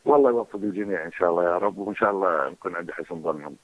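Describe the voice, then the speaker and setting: An actor taking a call, friendly and protesting warmly. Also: male voice, low voice, racing, dry recording. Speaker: actor, phone guest. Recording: tinny phone line, dry.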